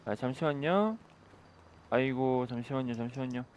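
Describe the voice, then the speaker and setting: A man improvising game role-play commentary, chatty and sarcastic, bursting into loud shouting. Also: mid-range voice, moderate pace, clear, resonant tone.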